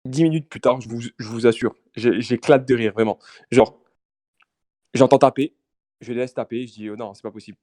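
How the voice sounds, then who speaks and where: A man's voice: medium pitch, normal speed, pauses often, no room sound, clean studio sound. A young man, telling a story animatedly in a casual podcast chat. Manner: animated, repetitive restarts, laughing asides.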